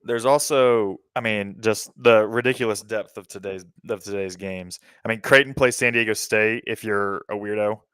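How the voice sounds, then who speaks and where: Man, lowish voice, chatty sports talk, thinks aloud with fillers and restarts. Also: moderate pace, few pauses, fairly bright tone. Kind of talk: casual sports analysis.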